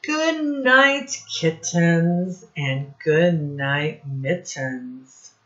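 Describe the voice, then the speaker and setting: A woman teacher reading a picture book aloud to young children in deliberate, separated phrases, asking them questions as she goes. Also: sits low. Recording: dull, muffled lo-fi recording.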